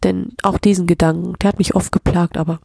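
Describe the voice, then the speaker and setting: A woman records a reflective solo podcast episode, speaking openly and emotionally about what is going on inside her. Her voice sits low and gravelly with a husky, breathy edge, and her nose is a bit stuffy from crying. The sound is dry and close, with warm, mellow tone. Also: flat delivery, a little fast, dry recording. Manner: open, emotional, self-reflective, drifting into soft whispers. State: teary, slightly stuffy nose. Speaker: podcast host. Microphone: plug-in microphone, close.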